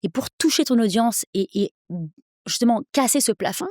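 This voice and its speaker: A woman in her thirties, an English coach, speaking persuasively as a podcast guest, with energetic quick bursts. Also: on the high side, dry recording, clean studio sound. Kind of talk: podcast interview.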